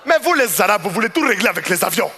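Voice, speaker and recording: A man voicing a pushy, proud, easily offended male customer who lectures loudly in a stand-up comedy bit on a large theater stage. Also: high-pitched, racing, some chatter behind, full character voice. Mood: indignant. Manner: indignant, lecturing, rising to excited outbursts. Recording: stage mic with hall reverb, faint noise.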